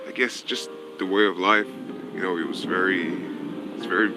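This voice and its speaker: A man from Nigeria, a student, talking about studying abroad in a relaxed interview, with many "you know"s. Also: low-pitched, normal speed. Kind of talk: documentary interview. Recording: video with music bed.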